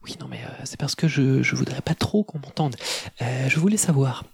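A man voicing a bashful female unicorn in whispered role-play, hushed and hesitant. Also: medium pitch, steady tone, brisk, creaky, husky, exaggerated voice. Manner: hushed, hesitant, full of fillers.

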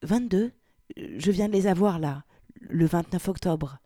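A woman's voice: lowish voice, a little slow, no room sound, clean studio sound. A woman reading aloud and voicing a shy, reserved young married woman who speaks hesitantly. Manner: hesitant, soft-spoken.

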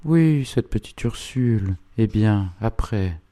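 A man's voice: fairly low pitch, very animated, a little slow, dark tone, no echo, pitched above the performer's own voice. A man voicing a proud, stubborn old noblewoman with a strident, curt way of speaking, in an audiobook reading. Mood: haughty. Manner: dry, curt replies.

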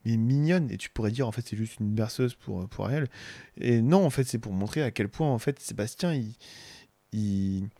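A man's voice: on the low side, expressive, normal speed, warm tone, dry recording. A man with a French accent chatting casually on a podcast, rambling with restarts and humming tunes. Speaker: podcast co-host. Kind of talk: casual chat about film music.

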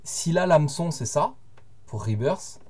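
A man co-hosting a podcast, explaining his view in measured casual chat with hesitant fillers. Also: on the high side, animated, mellow. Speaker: podcast co-host.

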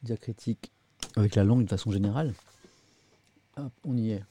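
Male live-stream host, warm and mellow tone, dry close sound, chatty, self-mocking. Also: fairly low pitch, fairly quick, slightly rough, no echo. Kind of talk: casual live-stream chat.

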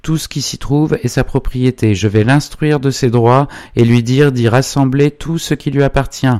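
A man playing an upright older magistrate, speaking with forceful, declamatory authority. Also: low voice, flat delivery, normal speed, no room sound, clean studio sound, close to an everyday voice. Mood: indignant.

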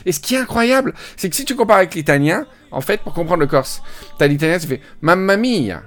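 A man hosting a podcast, chatting casually and telling an animated story, imitating how place names are pronounced. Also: high-pitched, brisk. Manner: animated storytelling, mimics pronunciations. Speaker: podcast host. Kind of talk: casual chat.

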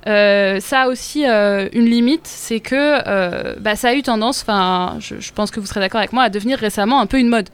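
A woman's voice: mid-range voice, a little fast, hardly any pauses, smooth. A woman co-hosting a casual round-table talk, hesitant with frequent fillers and laughter. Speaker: podcast co-host.

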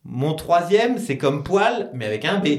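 A man's voice: fairly high pitch, big pitch swings, unhurried. A man co-hosting a podcast, casually posing riddles in a playful, joking way. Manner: playful, joking, laughs often. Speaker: podcast co-host. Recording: roomy.

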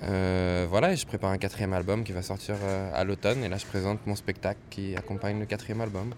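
A man's voice: deep voice, fairly even intonation, brisk, darkish tone, a little hiss or hum. A man with a French accent, a jazz musician from the Paris suburbs, chatting easily in an interview and laughing readily. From France, Paris suburbs. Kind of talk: casual interview chat.

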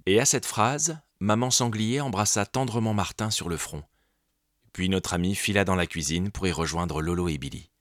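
A man narrating a children's storybook in an expressive, gentle storytelling manner. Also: low-pitched, normal speed, no room sound, clean studio sound.

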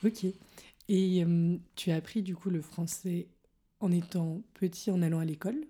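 A woman's voice: on the low side, fairly even intonation, moderate pace, dark tone. A woman interviewing a guest, asking long, curious, probing questions. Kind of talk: interview conversation.

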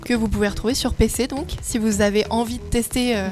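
A woman with a fairly high voice co-hosts a casual radio chat with a wry, teasing edge. Soft music runs in the background. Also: steady tone, quick pace. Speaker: radio co-host.

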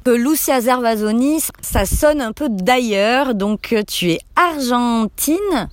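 A woman hosting a local radio interview, presenting lively and friendly. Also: a little high, takes it slowly. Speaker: radio host.

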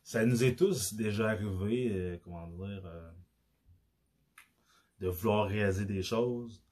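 A man's voice: lowish voice, unhurried, darkish tone. A man with a Québécois accent, hosting his own podcast in a casual, hesitant monologue full of restarts and fillers. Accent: Québécois French. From Quebec. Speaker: podcast host.

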